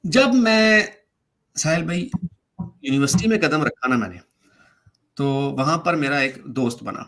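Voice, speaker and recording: Guy w a slightly high voice telling his story, acting out who said what, chatty guest vibe. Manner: animated, re-enacts dialogue while recounting events. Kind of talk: casual spoken storytelling in a debate stream.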